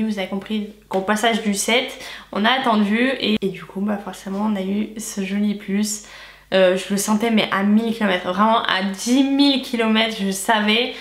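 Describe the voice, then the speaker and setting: A young woman chatting casually to viewers in a storytime vlog, with a stuffy, nasal voice and a lisp from wearing retainers. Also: mid-range voice. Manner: chatty, candid, slangy asides. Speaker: vlogger. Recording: echoey room.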